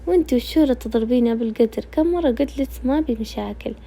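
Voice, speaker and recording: A woman voicing a gentle, peacemaking Najdi mother. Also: fairly high pitch, fast talker, creaky. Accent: Najdi Saudi.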